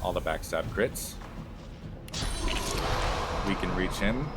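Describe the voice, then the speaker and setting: A young man gives casual gameplay commentary in a very low voice. He rambles and fills pauses with ums. Loud game music runs under his talk. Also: animated. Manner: rambling, filler-heavy. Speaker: streamer playing a game.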